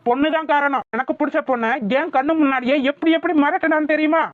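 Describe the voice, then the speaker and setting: An unforgiving young cartoon man who keeps hurling accusations, voiced by a voice actor. He sounds heated and sharp. The audio is tinny, phone-like and dry. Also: high voice, steady tone, fast talker, no room sound, close to an everyday voice. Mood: angry.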